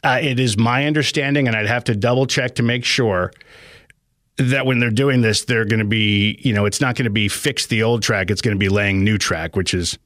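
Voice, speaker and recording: A man's voice: lowish voice, normal speed, fairly bright tone, no room sound. A middle-aged man hosting a casual radio call-in show from a studio, rambling and hesitant as he chats. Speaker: radio talk show host. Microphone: close studio microphone.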